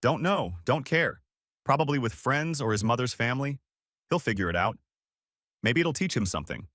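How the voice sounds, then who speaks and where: A man's voice: mid-range voice, lively intonation, normal speed, a bit bright, no echo, studio quality. A man voicing a boastful, scornful middle-aged father bragging to his friends at a bar. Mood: mocking boastful.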